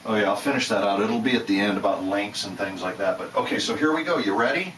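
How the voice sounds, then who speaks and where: Set back from the mic in a reverberant space with a faint room hum, a man hosting his channel talks quickly in a fairly low, fairly bright voice. He rambles casually, doubting himself and restarting again and again. The audio quality is poor.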